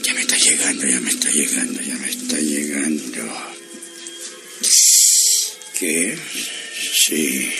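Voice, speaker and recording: An actor with a Central American accent playing a sham village warlock, speaking as a seance medium who feigns a trance and calls on spirits. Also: male voice, a bass voice, takes it slowly, creaky, long pauses, music in the background, heavily acted. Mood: trance-like, mysterious. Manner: seance medium calling on spirits, repetitive incantation. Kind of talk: comic audio storytelling sketch.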